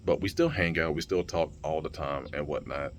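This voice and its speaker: A man's voice: very deep voice, normal speed, a little hiss or hum. A young man talking straight to camera in a casual vlog, blunt and heated, swearing freely and stumbling over repeated words. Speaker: vlogger and streamer.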